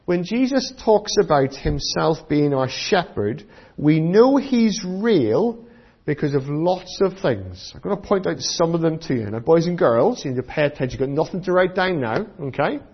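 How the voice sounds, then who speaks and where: A British man with a slightly high, husky voice preaches to children like a kids' presenter. He explains things simply and keeps checking in with questions. The recording is a little dull and muffled. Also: lively intonation, moderate pace, hardly any pauses. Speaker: preacher giving a children's talk. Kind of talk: sermon for children. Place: church.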